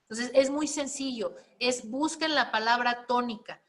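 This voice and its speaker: A woman's voice: fairly high pitch, measured pace, fairly bright tone. A woman teaching a spelling and writing class, explaining step by step and often checking in with her students. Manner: explanatory, checks in with frequent questions.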